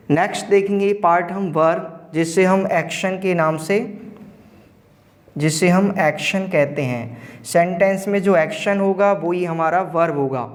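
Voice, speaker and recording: A man teaching an online grammar lesson, explaining slowly and repeating key terms. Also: high voice. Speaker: school teacher.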